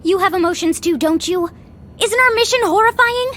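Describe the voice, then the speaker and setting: An anxious, pleading girl in an overacted anime dub. The voice sits extremely high and is openly emotional and earnest. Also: moderate pace, a bit bright. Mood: anguished.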